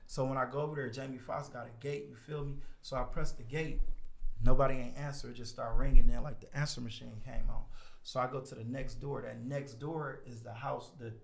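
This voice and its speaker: Fast-talking gravelly man telling a story. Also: mid-range voice, roomy sound. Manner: animated, acts out quoted voices. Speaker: podcast guest. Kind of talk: casual storytelling.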